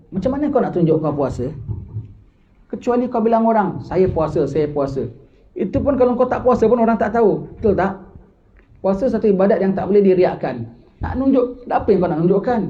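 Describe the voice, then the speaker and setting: An older man with a Malaysian Malay accent, giving an informal religious lecture and asking his listeners questions. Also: high voice. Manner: conversational, asks listeners questions, mixes in English. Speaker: religious teacher. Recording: dull lo-fi lecture recording.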